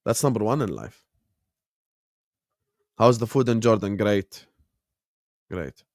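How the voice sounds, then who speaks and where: A man's voice: fairly low pitch, expressive, slow pace, darkish tone, no echo, clean studio sound. A man in his late twenties from the Gulf, hosting a football watchalong live stream with slangy, laid-back chat. He chuckles often and answers viewers directly. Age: late 20s. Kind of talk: casual chat, reacting to a match and reading chat.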